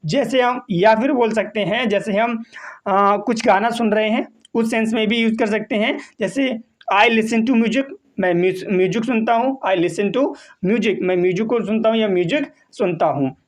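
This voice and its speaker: A man teaching English vocabulary, explaining slowly and patiently, repeating and spelling out each word. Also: high voice. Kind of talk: vocabulary lesson.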